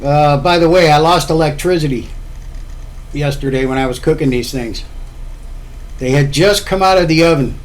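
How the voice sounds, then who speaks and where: A man's voice: fairly high pitch, normal speed, long pauses. A man talking casually to camera about his home cooking, rambling and repeating himself as he explains. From Florida.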